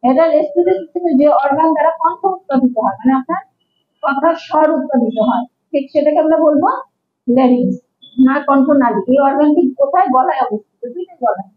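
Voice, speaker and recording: A young Bangladeshi Bengali-accented woman delivers a medical lecture to a classroom in a high, animated voice at a fairly quick pace. The audio is narrow and tinny. As an instructor she explains patiently, asks questions, and goes back over key terms.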